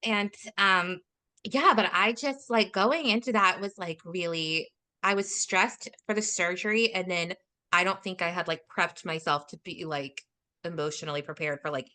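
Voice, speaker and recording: A woman's voice: on the low side, normal speed, sharp tone. A woman co-hosting a podcast in casual conversation, rambling with lots of "like" and laughing often. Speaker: podcast co-host.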